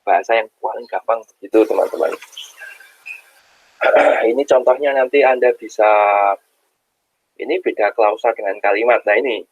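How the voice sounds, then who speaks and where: A man's voice: mid-range voice, normal speed, gravelly, pauses often, slightly rough, poor audio. A male university lecturer speaking with a tinge, giving an informal online lecture with many fillers and acted-out example sentences.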